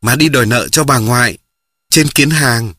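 A tender, worried poor mother speaks softly and slowly with a husky, breathy edge, voiced by a male reader of a storybook. Her words come gently, with sighs. The sound is close and dry, with no room around it. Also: mid-range voice, dry recording.

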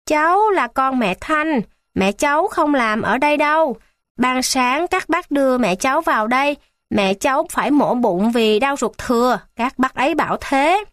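A woman's voice: sits high, animated, normal speed, a bit bright, no room sound, pitched above the performer's own voice. A small anxious boy pleads through tears in a raised, childlike voice, as a woman reads him out. He sounds close and dry, without any room around him. It is a storybook reading. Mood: pleading. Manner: pleading, tearful. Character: small anxious boy who loves his mother.

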